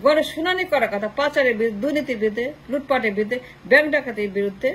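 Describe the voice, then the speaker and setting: A woman's voice: fairly high pitch, rapid-fire, husky, low-quality recording. A woman from Bangladesh, giving an impassioned political commentary monologue, piling up long rhetorical lists of short phrases and slipping English phrases in. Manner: slips English phrases into her talk.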